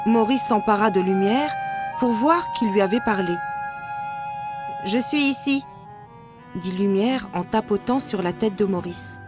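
A woman narrating a children's storybook in a steady read-aloud delivery. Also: mid-range voice. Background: background music.

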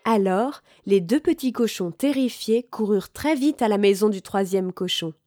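A woman reading a children's fairy tale aloud in a calm, clear, measured way. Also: medium pitch, dry recording, studio quality, soft background music. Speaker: storyteller.

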